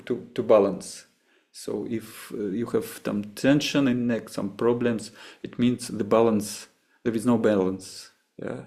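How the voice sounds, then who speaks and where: A meditation teacher from Russia, male and Russian-accented, handles questions after a session, speaking hesitantly and restarting frequently as words elude him. His voice runs low, creaky and dark.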